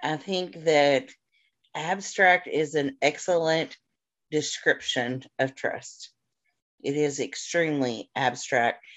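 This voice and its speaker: A podcast co-host chats casually in an agreeable, easygoing way, using fillers. Her voice is deep and fairly bright in tone, and she speaks slowly.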